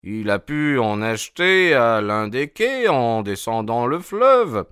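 A man voicing a shrewd gentleman detective in an audiobook, pitched a bit above his narrating voice. He speaks briskly with lively inflection, recorded dry and close. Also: clean tone, no room sound. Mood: coaxing. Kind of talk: audiobook character voice.

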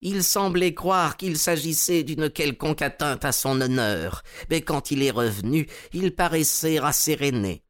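A man's voice: fairly high pitch, lively intonation, measured pace, hardly any pauses, pitched above the performer's own voice. A man voicing a timid elderly male collector, meek, polite and a little stammering.

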